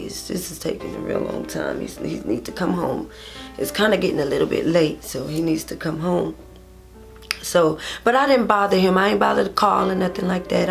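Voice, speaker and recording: Gravelly low-voiced Texan woman. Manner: rambling and repetitive, retelling a painful memory. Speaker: vlogger. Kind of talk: storytime vlog. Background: faint guitar music.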